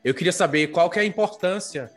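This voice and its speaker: A podcast host with a high-pitched voice interviews his guests at a quick pace, asking steady questions laden with fillers. Soft music plays in the background.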